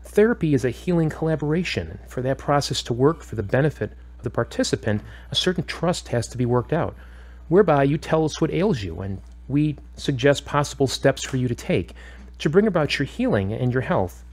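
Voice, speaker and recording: Speaking in a mid-range voice close to his everyday one, a man acts as a probing, steady therapist in a scripted audio drama. His measured, questioning, instructive delivery carries a stern, firm mood.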